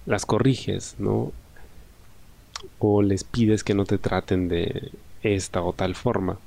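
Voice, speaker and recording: A young man with a Peruvian Spanish accent hosts a solo podcast, speaking in a reflective, conversational way and often ending phrases with a questioning tag. His voice is lowish, gravelly, and warm.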